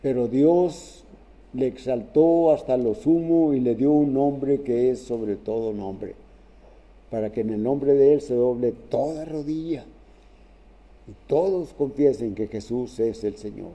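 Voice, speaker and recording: A man preaching a sermon in a halting way, restarting phrases and often checking in with "¿verdad?". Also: mid-range voice, mellow.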